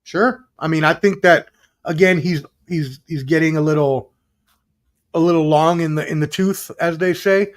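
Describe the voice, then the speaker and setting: Higher-voiced man giving sports takes. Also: normal speed. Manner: conversational, emphatic, stacks up points. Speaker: guest sports analyst. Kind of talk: casual sports podcast chat.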